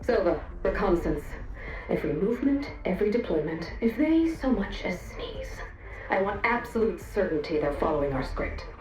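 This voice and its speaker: An actress playing a cold, exacting commander in a game, giving curt, menacing orders. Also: female voice, medium pitch, big pitch swings, moderate pace, a little mellow, lightly acted. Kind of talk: scripted video game drama. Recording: echoey room, music behind.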